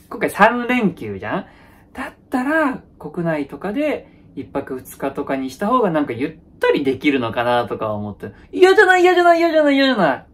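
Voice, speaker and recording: A man playing a nervously placating young boyfriend. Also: mid-range voice. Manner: nervous placating repetition of phrases; frequent awkward laughs. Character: young male boyfriend, placating, avoids any conflict. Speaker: comedian. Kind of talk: one-sided comedy sketch.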